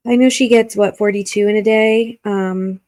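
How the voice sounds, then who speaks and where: A woman's voice: mid-range voice, fairly even intonation, normal speed, a little mellow. A woman hosting a reaction video, giving blunt, critical commentary and swearing freely.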